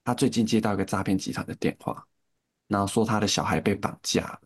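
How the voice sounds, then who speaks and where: A man's voice: fairly low pitch, fast talker, breathy edge. A man with a Taiwanese Mandarin accent, co-hosting a podcast and telling school stories in casual chat, laughing often. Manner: animated, laughing storyteller. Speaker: podcast co-host.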